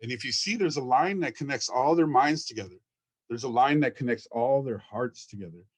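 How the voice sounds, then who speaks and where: Talking briskly at a medium pitch with a breathy edge, an Ojibwe man from Minnesota introduces his school at a conference. He comes across as eager and sincere, repeating words frequently as he goes through his slides.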